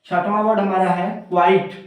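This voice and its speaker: High-voiced male teacher in an echoey room. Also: level tone, normal speed. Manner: spells words letter by letter, repeating each term. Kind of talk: grammar lesson. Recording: roomy echo, from far off.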